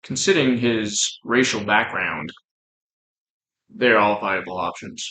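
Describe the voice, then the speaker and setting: A man's voice: lowish voice, measured pace, pushed and bright. Dry-toned young man, echoey room. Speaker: guest. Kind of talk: casual chat.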